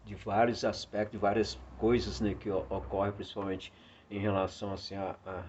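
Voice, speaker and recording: A man's voice: on the low side, little pitch movement, brisk, a little mellow. A middle-aged man, a guest in a casual chat, talking earnestly about faith and filling his speech with "né". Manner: earnest, full of "né" fillers. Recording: dull lo-fi sound with faint noise.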